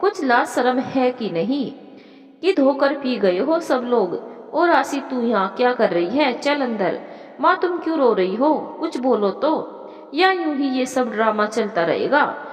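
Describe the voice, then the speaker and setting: A drunk, hot-tempered young husband, as a woman narrator puts him on barks harsh demands. Her voice stays fairly high, and the room gives it a long echoing tail. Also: big pitch swings, a little slow. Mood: angry. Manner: barking, rough demands. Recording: echoey room with long reverb.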